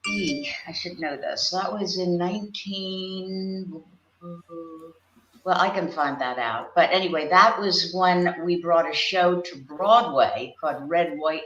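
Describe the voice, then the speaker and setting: A woman's voice: lowish voice, fairly bright tone. An older woman from Pennsylvania, a guest actress and puppeteer, telling stories from her career in a rambling, reminiscing way. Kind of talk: casual interview chat. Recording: echoey, muffled lo-fi audio.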